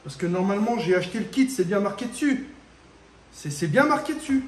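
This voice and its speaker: A man's voice: high voice, expressive, brisk, echoey room. Man, casual garage vlog, slangy and swearing, faint noise in the background. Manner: slangy, talks straight to the viewer, swears when annoyed. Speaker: home mechanic showing a car repair. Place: garage workshop.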